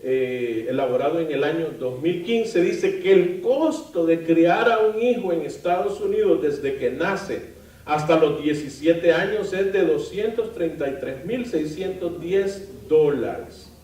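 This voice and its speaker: A man preaching a sermon as pastor, lively, asking the congregation questions and adding light humor. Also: on the high side, measured pace. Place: church sanctuary. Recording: roomy, from far off the mic.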